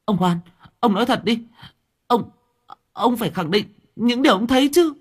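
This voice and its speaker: A man voicing a stubborn young village woman who speaks high, fast and insistent. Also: animated, slightly rough, full character voice. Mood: pleading.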